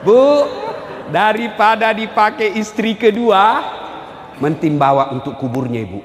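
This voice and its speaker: A man preaching, his voice swinging high and low as he acts out little scenes for the crowd. He sits fairly high for a man. A long hall reverb trails his words over faint room noise. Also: unhurried. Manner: animated storytelling, acting out quotes. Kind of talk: humorous religious lecture.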